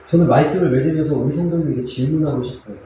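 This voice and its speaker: A man pastor preaching a sermon in a church, earnest and confessional, with pauses and fillers. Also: a little high, warm tone, heavy reverb, dull audio, a little hiss or hum. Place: church sanctuary.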